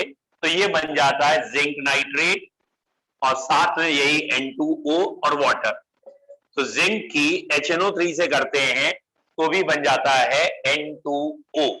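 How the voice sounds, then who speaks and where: A man teaching chemistry to a class, his voice pitched a little high and ringing very bright. He coaxes answers from his students, calls them beta, and drops into English with an Indian accent now and then. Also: slow, rough recording. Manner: mixes English phrases into the lecture. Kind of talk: classroom lecture.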